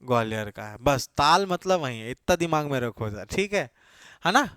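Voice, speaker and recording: A man's voice: mid-range voice, big pitch swings, moderate pace, bright, forceful tone, smooth, no room sound, studio quality. A man giving an exam-prep coaching lecture in a classroom. He keeps quizzing his students with repeated questions, answers them himself, and mixes English phrases into his talk. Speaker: coaching teacher.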